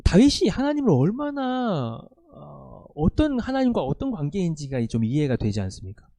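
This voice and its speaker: Male youth pastor, high-pitched, conversational sermon, dry room. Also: moderate pace, gravelly, no room sound. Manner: animated, conversational, asks the listeners questions.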